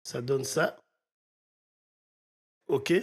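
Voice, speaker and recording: A man's voice: medium pitch, drawn-out words, husky. A man teaching audio mixing in a step-by-step tutorial, often checking in with his viewers. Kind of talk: screen-recorded software tutorial.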